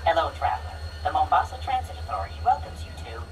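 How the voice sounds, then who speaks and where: An actress voicing a calm, polite transit-station computer that makes soothing, courteous automated announcements. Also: female voice, deep voice, fast talker, vocal fry, heavily acted. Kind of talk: video game cutscene voice acting.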